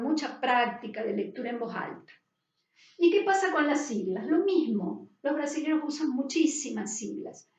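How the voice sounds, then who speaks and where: A woman's voice: high-pitched, darkish tone. A woman teacher, lecturing and checking in with her students with a frequent "right?". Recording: roomy, distant, dull sound.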